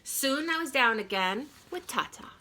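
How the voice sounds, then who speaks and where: A woman with a high voice reads a children's story aloud, teacher-style, deliberate and expressive with dramatic pauses. The recording is low quality and has slight background noise.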